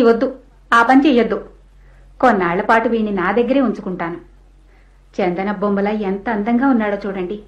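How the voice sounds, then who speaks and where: A woman plays an affectionate wife who speaks softly and pleads to keep a child. The radio play recording sounds dull and muffled. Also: medium pitch, natural voice. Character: tender childless wife, fond of the lost boy. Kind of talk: radio drama acting.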